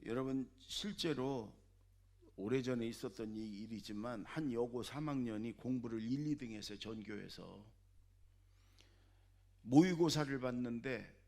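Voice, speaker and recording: A middle-aged man preaching a sermon as pastor, animated, dropping to soft asides and rising to loud exclamations. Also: mid-range voice, creaky.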